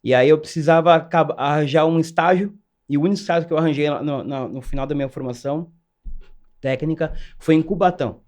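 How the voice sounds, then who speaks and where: A man in his forties from São Paulo. He tells his story quickly and with animation. His voice sits a bit high. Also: darkish tone. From São Paulo, Brazil. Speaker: guest, cybersecurity executive. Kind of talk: casual interview storytelling.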